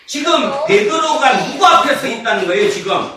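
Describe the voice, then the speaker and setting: A male pastor preaching a sermon, firing rhetorical questions at the congregation, drawing key words out slowly and laughing and shouting for emphasis. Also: extremely high pitch, big pitch swings, a crowd in the background. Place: church sanctuary. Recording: echoey hall, mic far off, noisy.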